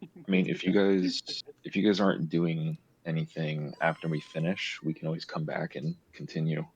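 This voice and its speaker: A man's voice: extremely low pitch, little pitch movement, normal speed, slightly rough, lo-fi sound. A man playing a tabletop game, talking in a laid-back, casual way. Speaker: player.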